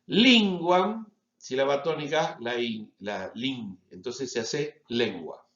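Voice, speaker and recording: A man giving a lecture as a teacher, deliberately stressing each example word. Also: mid-range voice, animated, fairly bright tone. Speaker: Latin teacher. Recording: roomy, slightly dull recording.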